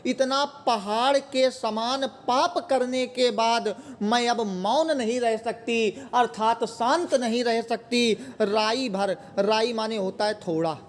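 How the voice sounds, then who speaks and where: A man's voice: very high-pitched, a little hiss or hum. A man explaining a poem line by line, asking his own questions and answering them. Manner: repeats words and asks questions then answers them himself. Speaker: Hindi teacher.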